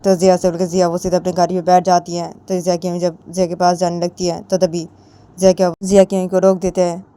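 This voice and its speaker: Low, mellow-voiced woman telling a story. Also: level tone, quick pace, smooth, no room sound. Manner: repetitive, plain storytelling. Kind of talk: casual story narration.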